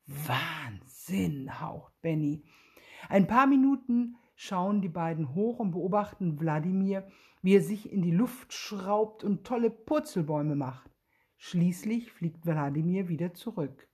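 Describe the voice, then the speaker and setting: A woman reading a children's story aloud in a gentle, expressive way, with a husky voice. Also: fairly low pitch, unhurried.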